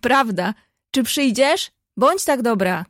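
A lonely, sickly teenage boy, voiced by a woman in a storybook reading, polite and a little plaintive. His voice sits high and is recorded close and dry. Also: expressive, slow, fairly bright tone, dry recording. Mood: eager.

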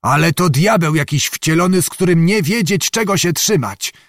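A man's voice: fairly high pitch, animated, moderate pace, fairly bright tone, dry recording, clean studio sound, voice pushed up. A man voicing Zagłoba, a blustering old nobleman. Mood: indignant. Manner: bragging, grumbling, theatrical. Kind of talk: audiobook character reading.

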